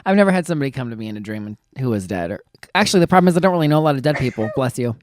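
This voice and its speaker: A man's voice: medium pitch, sing-song, rapid-fire. A man co-hosting a casual podcast chat, joking playfully and tossing in goofy asides. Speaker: podcast co-host.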